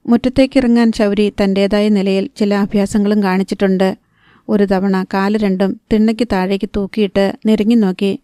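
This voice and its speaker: A woman narrating a novel as an audiobook, calm and steady, on a close microphone. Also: mid-range voice, moderate pace, smooth, no echo.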